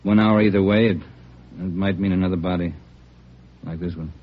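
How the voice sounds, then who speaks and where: An actor playing a brisk police chief who gives orders to his detectives in a 1950s radio drama. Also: low voice, steady tone. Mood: commanding. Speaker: police captain in charge. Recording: muffled vintage radio broadcast.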